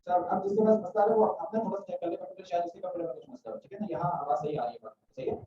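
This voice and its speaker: A man teaches Arabic grammar to a classroom, quizzing students and often checking that they follow. His voice is mellow and dark. It is picked up from a distance, roomy and dull, like muffled classroom audio. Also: high-pitched, very fast. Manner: questioning students, repeating "theek hai?".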